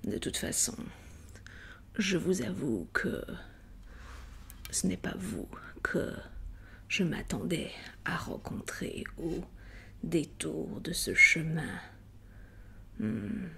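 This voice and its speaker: A woman's voice: on the low side, sing-song, very slow, gravelly, pauses often, pushed and bright, full character voice. A woman playing a menacing, haughty wicked witch in a whispered ASMR roleplay, drawing out her probing words. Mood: sly, probing.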